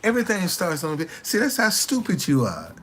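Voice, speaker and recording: A man in his late sixties talking casually to the camera with slangy street swagger, repeating himself in animated, indignant retorts. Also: high voice, a little fast. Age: 60s.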